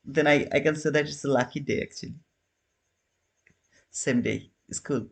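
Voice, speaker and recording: This man in his thirties, with a voice on the high side and some vocal fry, speaks at normal speed while casually running a trading livestream. He chats with viewers and answers comments, his non-native phrasing loose and frequently restarting.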